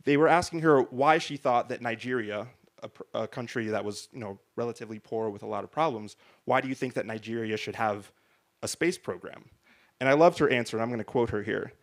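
On a large hall stage before an audience, a man moderates a panel, speaking into a handheld mic. His voice is medium-pitched and a little fast, his manner conversational, and he keeps asking "right?" and starting his sentences over.

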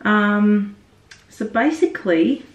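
A woman with a mid-range, lively voice chats at a slow pace while styling a wig, casually narrating the how-to. She's recorded from a distance in a small, echoey bathroom.

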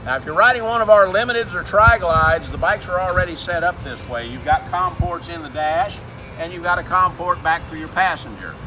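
A man in his fifties, working as a service advisor, gives a plain-spoken, step-by-step how-to demonstration outdoors in a dealership parking lot. His voice sits high and he talks fairly quickly, with music playing in the background.

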